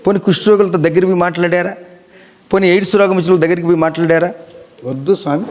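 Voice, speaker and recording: A male pastor preaches a Sunday sermon in a high, darkish voice with fairly even intonation, speaking rapid-fire. He calls out for hallelujahs and amens and fires rhetorical questions at his listeners.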